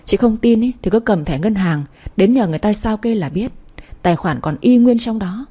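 A woman doing a calm reasoning young wife. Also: medium pitch, moderate pace, husky. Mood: calm explaining.

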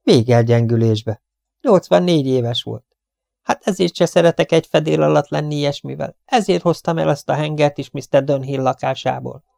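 A man voicing a stout, superstitious female cleaning woman who rambles on in a shrill, high put-on voice in an audiobook. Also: gravelly, darkish tone, dry recording, studio quality. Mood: chattering.

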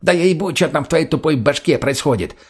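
A man's voice: fairly high pitch, fast talker, a little mellow, breathy edge, pitched above the performer's own voice. A man voicing a crude, cowardly male junkie sidekick with a mouthy, whiny way of swearing.

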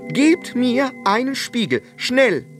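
A man voicing a blustering, hot-tempered fairy-tale king who shouts his demands. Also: very high voice, sing-song, takes it slowly, over music, voice pushed up, full character voice. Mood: furious. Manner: loud, bellowing, demanding.

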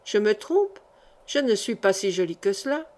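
A woman voicing a shy, modest young girl servant who speaks softly and earnestly, in an audiobook. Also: mid-range voice, sing-song, moderate pace, close to an everyday voice.

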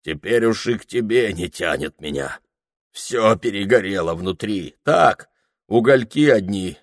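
A man's voice: on the low side, lively intonation, unhurried, dry recording, studio quality. A man reading aloud, voicing a drunk, grey-haired old merchant who talks in a weary, brooding way. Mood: gloomy.

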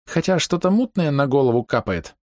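A man plays a jittery male healer in an audiobook who mutters his complaints. The voice is raised high above the narrator's own, kept close and dry. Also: very animated, brisk, darkish tone, no echo. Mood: wary. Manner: whispering, muttering.

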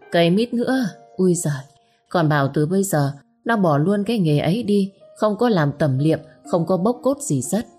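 Woman reading a loud, mocking village busybody; low, husky, dark storybook voice. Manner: nosy, talks loudly to be overheard.

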